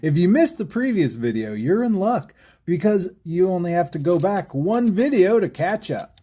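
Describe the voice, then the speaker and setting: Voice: medium pitch, dark tone, slight background noise. A stained glass artist hosting a craft tutorial in voice-over, playful and jokey, with puns and frequent chuckles.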